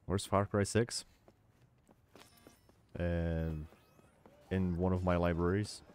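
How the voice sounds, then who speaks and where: A man's voice: deep voice, steady tone, slow, darkish tone, smooth. A young man streaming a video game, chatting casually with his viewers. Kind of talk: casual live-stream commentary.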